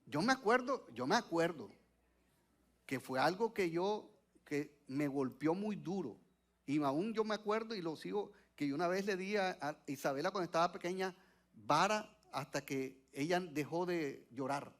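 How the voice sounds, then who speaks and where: A man's voice: on the high side, lively intonation, normal speed, fairly bright tone. A male pastor preaching a sermon to a church congregation, asking them questions and waiting for their answers.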